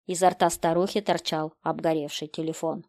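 A woman's voice: low voice, flat delivery, normal speed, darkish tone, no echo, clean studio sound. A woman narrating a horror story in terse, clipped, grim sentences.

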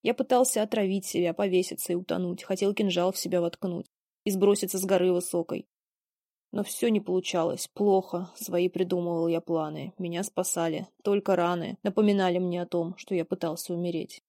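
A young son acted by a woman, weary of the world and resigned to gloom. The mellow voice recites mournful rhymed verse theatrically, recorded dry. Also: lowish voice, dry recording. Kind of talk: dramatic verse play reading.

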